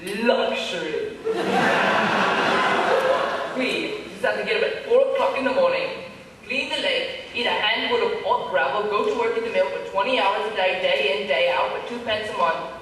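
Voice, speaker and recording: A man's voice: high-pitched, normal speed, fairly bright tone. A man playing a scoffing old braggart in a hall. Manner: scoffing, mock-grim bragging. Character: boastful old man scoffing at others' comforts. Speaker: amateur stage actor. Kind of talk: stage comedy sketch. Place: hall stage. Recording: echoey hall from far off, with noise.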